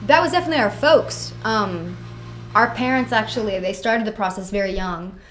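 A young woman in her twenties chats easily in a backstage interview. She's upbeat and talkative, tossing off quick asides as she goes. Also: mid-range voice. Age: 20s. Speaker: musician guest. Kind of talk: casual interview chat. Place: backstage at a theater.

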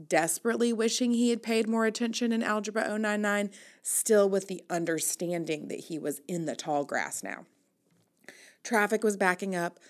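A woman reading her own humorous personal story aloud with a wry, mock-dramatic delivery. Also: lowish voice. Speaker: newsletter writer reading her own piece.

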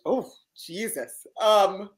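A woman comedian guest on a podcast, speaking casually with deadpan irony and halting restarts. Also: mid-range voice. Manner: deadpan ironic bits, hesitant restarts.

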